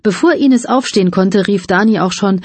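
Breathy-voiced woman narrating a novel. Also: mid-range voice, normal speed, a little mellow, dry recording. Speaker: audiobook narrator. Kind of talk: scripted narration.

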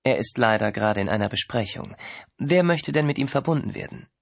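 A man doing a crisp female secretary. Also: medium pitch, lively intonation, fairly quick, dry recording. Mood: polite. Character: polite female office secretary.

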